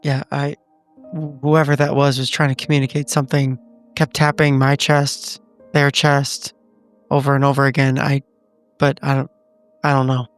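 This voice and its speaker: A man's voice: medium pitch, monotone, normal speed, faint music behind. A man role-playing at a tabletop game, hesitant and stammering as he talks. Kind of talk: conversational in-character role-play.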